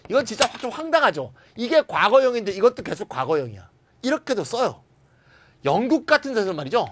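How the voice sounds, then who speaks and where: Brisk and high-pitched, this middle-aged man's voice comes through over background noise as he gives a recorded grammar lecture. Shifting between formal and casual registers, he acts out brief everyday lines and frequently checks in with his students.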